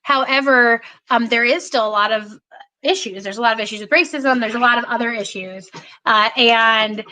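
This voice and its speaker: A woman's voice: a little high, normal speed, sharp tone, rough recording. A woman in her forties, a political candidate talking passionately in a podcast conversation, emphatic and full of restarts.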